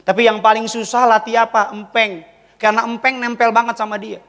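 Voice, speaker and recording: A man preaches a Sunday sermon, weaving in lively stories about his family. His voice sits high for a man. A long reverb from the large church hall trails each phrase. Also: fairly quick. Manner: lively storytelling with family anecdotes. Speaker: pastor.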